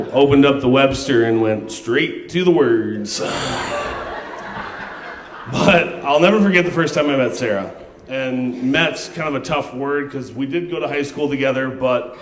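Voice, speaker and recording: A young man giving a best man toast at a wedding, reading jokes and tributes from his phone with a handheld microphone. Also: medium pitch. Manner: reads from his phone, laughing through jokes. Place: large hall at a wedding reception. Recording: echoey reception hall.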